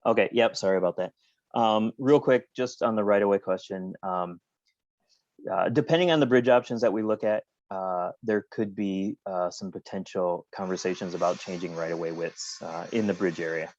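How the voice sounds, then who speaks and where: A man's voice: low-pitched, normal speed, darkish tone. A man answering public questions on a webinar, hesitant and full of fillers, speaking from home over a video call. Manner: hesitant, many fillers and restarts. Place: home office with work being done. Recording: muffled lo-fi video call audio.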